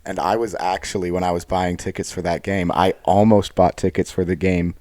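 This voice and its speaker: Deep-voiced man with dry teasing wit. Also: flat delivery, a little fast, a little mellow. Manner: teasing, dry wisecracks, enthusiastic sports talk. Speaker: podcast co-host. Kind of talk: casual chat. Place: recorded face to face in Texas.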